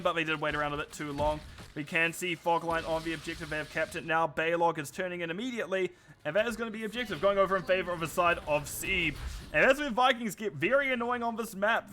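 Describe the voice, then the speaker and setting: A man casting a live esports match, excitable and chatty, with quick laughs between his play-by-play calls. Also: a little high, a little hiss or hum. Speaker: esports caster.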